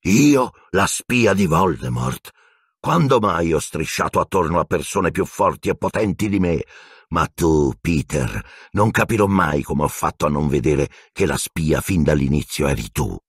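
A man's voice: rumbling low, lively intonation, breathy edge, dry recording, clean studio sound, exaggerated voice. A man voicing a bitter escaped prisoner wizard who speaks in a cold, growling, venomous way. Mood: furious. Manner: cold, accusing, slow menace.

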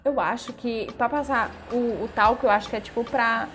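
A woman's voice: fairly high pitch, fairly even intonation, moderate pace, a bit bright. A young adult woman with a Brazilian accent, giving casual, chatty, exclamatory reaction commentary and prone to giggles. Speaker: reaction video host. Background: background music.

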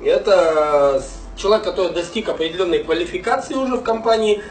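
A man's voice: high voice, quick pace. A man presenting and introducing the next speaker, hesitant with fillers, heard from a distance in a room. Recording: roomy, distant sound.

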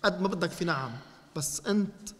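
A man preaching in a Lebanese Arabic accent, teaching a congregation and speaking to them directly with animated energy. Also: sits high, brisk, long reverb tail. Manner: animated, addresses listeners directly.

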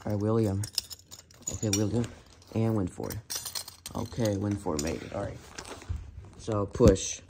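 Rambling low-voiced man calling out names. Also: gravelly, background noise. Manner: rambling, calls out names in quick succession, often corrects himself. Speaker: host of a toy car elimination series. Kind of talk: casual play-by-play narration.

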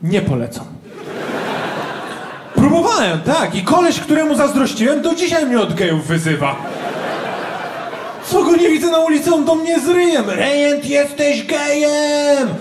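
A man doing a stand-up routine in front of a live crowd. He talks loudly and acts out shouted quotes. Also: very high voice, very animated, moderate pace, long pauses. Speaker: stand-up comedian. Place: large comedy venue with live audience. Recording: echoey venue with audience noise.

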